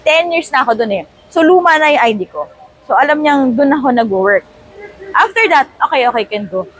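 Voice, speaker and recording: A woman's voice: high voice, moderate pace, rough recording. A woman in her thirties from the Philippines, a travel vlogger chatting casually and animatedly as she tells a story from an airport terminal. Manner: chatty, animated, mixes in English phrases.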